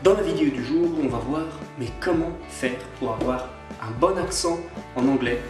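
Scottish teacher in a roomy echo. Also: male voice, medium pitch, normal speed, over music. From Scotland. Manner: chatty, repeats words for drilling. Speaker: online English teacher. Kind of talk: casual video lesson. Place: on holiday, away from usual setting.

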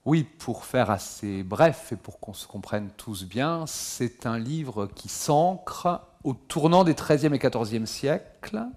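A middle-aged man addresses an audience in a lecture hall with formal, courteous phrasing. His delivery is measured and unhurried, in the manner of a historian hosting a public talk. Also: medium pitch, animated, a little mellow.

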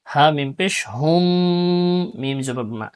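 A man gives a tajweed recitation lesson, sounding out each letter and syllable before chanting the word in a long, stretched-out line. His voice is smooth and resonant, and he moves at an extremely slow, deliberate pace. He slips into quieter, quicker explanations between the drills. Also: expressive. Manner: spells letters syllable by syllable, then recites slowly and drawn out; brisk, low-key explanations between recitations. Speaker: Quran recitation teacher.

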